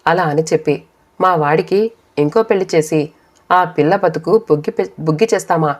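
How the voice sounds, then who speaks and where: A woman's voice: low-pitched, moderate pace. A woman reading a first-person family story aloud as an audiobook narrator, voicing the quoted relatives in her own voice.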